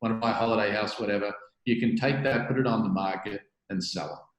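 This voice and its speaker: A venture capital partner speaks as an interview guest, explaining things conversationally with lots of restarts and frequent "right?" tags. His voice is fairly low and fairly even in intonation, and he talks fairly quickly. The room sounds echoey.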